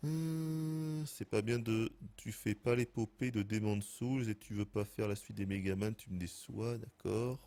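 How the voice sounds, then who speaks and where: A man in his thirties giving casual, excitable gameplay commentary as a streamer, laughing and swearing often. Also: lowish voice, normal speed, hardly any pauses. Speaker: gaming streamer.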